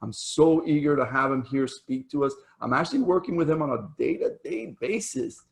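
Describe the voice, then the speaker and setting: A man's voice: a little high, expressive, normal speed, vocal fry. A man hosting an online community meetup over a video call, chatty and full of fillers, saying he is losing his voice. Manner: chatty, with fillers and self-corrections. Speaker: meetup host.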